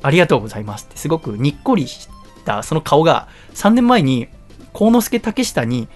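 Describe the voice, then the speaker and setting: A man hosts a radio show and tells a personal story in a casual, chatty way. His pitch jumps around a lot and he talks quickly. He laughs often, and faint music plays under his voice. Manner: animated, laughs often while telling, acts out quoted lines.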